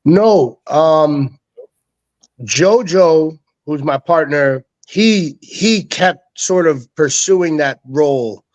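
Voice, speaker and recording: A man's voice: a little high, lively intonation, drawn-out words. A young man, a guest telling loose, slangy stories and quoting people as he goes. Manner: loose, slangy, quotes others in voices. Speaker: guest, NFT co-founder. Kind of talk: casual storytelling.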